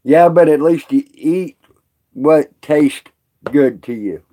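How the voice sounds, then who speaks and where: Rambling, folksy man, higher voice. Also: slow, warm tone. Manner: rambling, chatty, folksy, laughs often. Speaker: live streamer chatting with viewers. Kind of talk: casual live-stream chat.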